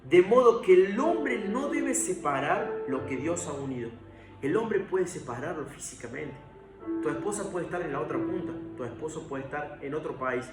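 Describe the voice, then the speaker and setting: A man's voice: on the high side, far from the mic. A man preaching an earnest sermon, speaking straight to the viewer and swelling into emphasis. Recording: echoey room with music behind.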